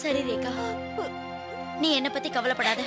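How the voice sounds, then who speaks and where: A woman's voice: high voice, unhurried. An actress playing a wronged woman police officer who explains steadily and vows revenge, in a TV serial drama. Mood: resolute. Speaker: police officer, under arrest. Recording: loud background music score.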